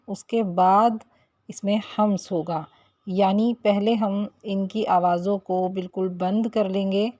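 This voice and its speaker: Slow, patient woman teaching recitation. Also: mid-range voice, a little mellow, dry recording, studio quality. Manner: slow, patient explaining with drawn-out example syllables. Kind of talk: tajweed lesson.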